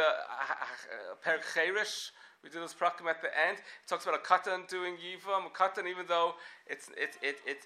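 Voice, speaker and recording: A man with a higher-pitched voice runs an informal Talmud session. Working through ideas aloud, he keeps restarting energetically and asking rhetorical questions.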